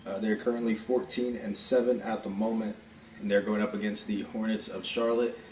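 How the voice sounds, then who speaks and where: A breathless man from Texas hosts a casual, rushed live stream of a basketball video game. His voice sits fairly low and sounds a bit far from the mic. The room around him is echoey, with a faint hum underneath. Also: level tone. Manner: casual, rushed, chatty, upbeat. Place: room at home. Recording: roomy echo, distant mic, faint background hum.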